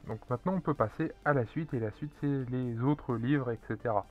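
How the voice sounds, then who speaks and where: A man's voice: mid-range voice, a little fast. A man presenting anime and manga news in a casual solo commentary, rambling with many fillers and restarts. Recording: dull lo-fi audio with faint music.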